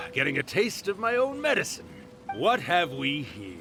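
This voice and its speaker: A man's voice: fairly high pitch, wildly swooping pitch, creaky, exaggerated voice. Wildly theatrical male spirit. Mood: amused, wry. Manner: theatrical, drawn-out, melodramatic. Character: theatrical male yokai spirit, wry, playfully villainous. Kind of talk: video game voice acting. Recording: music behind the voice.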